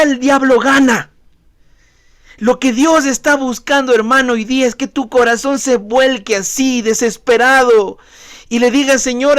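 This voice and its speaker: A man's voice: very high voice, a bit bright, dry recording, studio quality. A man who is a pastor preaching a sermon, emphatic and questioning the congregation directly. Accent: Ecuadorian Spanish.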